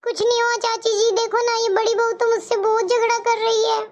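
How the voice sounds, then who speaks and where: A woman's voice: very high-pitched, little pitch movement, fairly quick, soft background music. Woman doing a scheming old mother-in-law. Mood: defensive. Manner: sweet-talking, wheedling. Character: scheming elderly mother-in-law who plays favourites.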